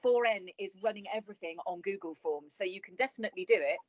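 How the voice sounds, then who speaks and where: A woman's voice: medium pitch, quick pace, darkish tone, dry recording, highs cut off. A woman coaches a client over a video call, talking in a chatty, encouraging way. Her advice is practical and she uses plain idioms. The sound is dry. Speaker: business coach.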